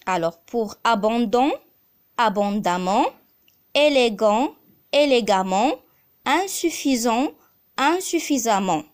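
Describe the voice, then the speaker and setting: Woman teacher, unhurried and deliberate, spells words letter by letter and repeats examples. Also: fairly high pitch, expressive. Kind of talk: slow grammar lesson.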